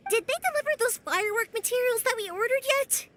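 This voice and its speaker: An actress playing a warm-hearted, chatty young woman in a video game, energetic and friendly. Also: very high voice, quick pace, a little hiss or hum. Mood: urging. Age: young adult. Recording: music behind.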